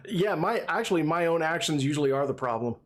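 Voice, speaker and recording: A man's voice: on the high side, expressive, fast. A man in his thirties or forties giving casual, off-the-cuff commentary as he streams a video game.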